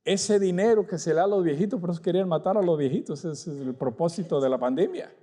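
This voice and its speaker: Fervent Pentecostal preacher, mellow voice. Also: male voice, on the high side, fast talker. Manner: fervent, swinging from loud outbursts to hushed prayer. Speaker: guest preacher. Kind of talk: Pentecostal sermon. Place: church.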